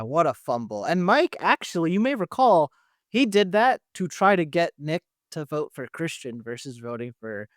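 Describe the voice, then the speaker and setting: A man's voice: on the high side, fairly bright tone, no room sound, studio quality. A man co-hosting a podcast, leading a casual recap chat and often restarting his phrases. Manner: leads the discussion, restarts phrases. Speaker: podcast co-host.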